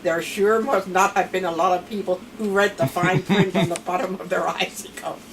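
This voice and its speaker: Her voice is fairly low with fairly even intonation and a moderate pace. This woman in her seventies, speaking with a Pennsylvania Dutch accent, wanders casually through family stories as a grandmother interviewed at home, captured on a distant mic with noticeable background noise.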